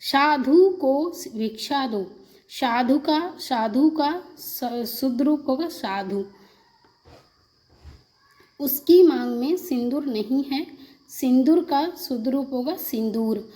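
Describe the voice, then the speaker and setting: Slow, mellow-voiced woman teaching Hindi spelling. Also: sits high. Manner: reads example sentences, then repeats the correct word. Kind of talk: exam-prep spelling lesson.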